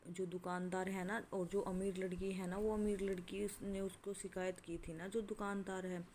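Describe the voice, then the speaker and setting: A woman's voice: mid-range voice, flat delivery, moderate pace, a little mellow. A woman tells a story in a casual, chatty way. She sounds indignant and leans on fillers. A faint hiss of noise sits behind her voice.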